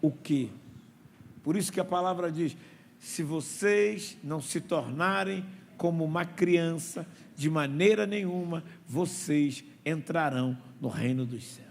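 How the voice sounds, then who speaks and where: A man's voice: on the high side, unhurried, vocal fry. A man preaching a sermon as pastor, telling stories and calling for responses from the congregation. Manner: animated storytelling with call-and-response. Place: church. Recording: echoey hall with faint noise.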